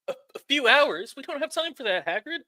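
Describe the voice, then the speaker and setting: A man's voice: very high voice, big pitch swings, a little fast, sharp tone, no echo. A man improvising in-character chat as a player in a tabletop game.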